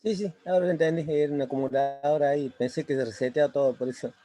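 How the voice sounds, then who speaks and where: A man's voice: on the high side, steady tone, racing, warm tone, dry recording, soft background music. A man asking his teacher a question in an online class, hesitant and stumbling a little as he speaks. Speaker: student.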